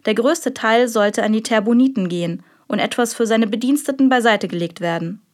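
A woman's voice: fairly high pitch, fairly quick, natural voice. A woman reading an audiobook, voicing a male legal scholar who speaks in a dry, factual way. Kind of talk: audiobook character voice.

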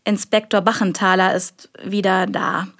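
A woman's voice: medium pitch, level tone, measured pace, a bit bright. A woman reading an audiobook, voicing an earnest, apologetic male assistant. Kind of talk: audiobook character voice.

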